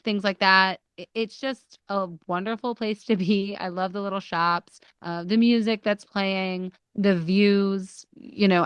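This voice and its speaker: A woman's voice: on the low side, smooth, no room sound. A woman chatting casually as a panelist in a gushing, enthusiastic manner. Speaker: panelist in a theme park draft game. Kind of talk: casual chat.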